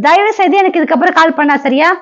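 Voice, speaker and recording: A woman's voice: very high-pitched, quick pace, highs cut off. A woman playing a young woman who angrily breaks up with her boyfriend on the phone in a comedy skit, scolding and repeating herself. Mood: angry scolding.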